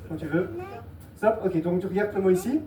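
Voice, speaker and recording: A woman's voice: on the low side, brisk, mellow. A woman performing a mentalist act on stage, playfully guiding audience volunteers and patiently repeating her instructions. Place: live show venue with audience. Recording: echoey, distant mic, noisy live room.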